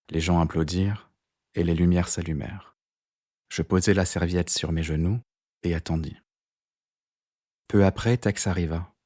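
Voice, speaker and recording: Man reading a novel aloud, very low voice, dry close sound, steady pace. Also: no room sound. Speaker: audiobook narrator. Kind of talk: scripted narration.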